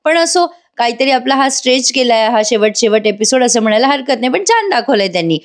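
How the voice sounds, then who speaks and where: A woman's voice: on the high side, animated, fast talker. A woman hosting a voice-over episode review, recapping in a chatty way and speaking directly to viewers. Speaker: serial review host.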